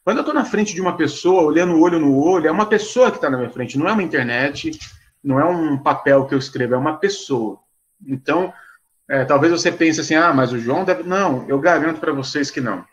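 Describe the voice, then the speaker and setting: Animated pastor telling a story. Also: male voice, on the high side, fast talker, highs cut off. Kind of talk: storytelling talk to a live online audience.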